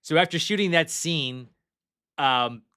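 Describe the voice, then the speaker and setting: A man hosting a relaxed movie podcast, with a bright, forward tone. He chats loosely and reads off trivia from his notes. He swears casually as he goes. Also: a little high, measured pace, smooth. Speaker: podcast host.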